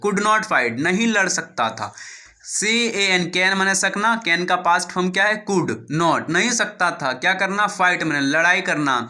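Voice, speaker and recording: A man with an Indian accent reads an English story one phrase at a time, spells out words letter by letter and quizzes himself on the meanings. His voice is very bright and sits a little high for a man. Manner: explains slowly, asks and answers his own questions. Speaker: English teacher. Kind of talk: line-by-line reading and translation lesson.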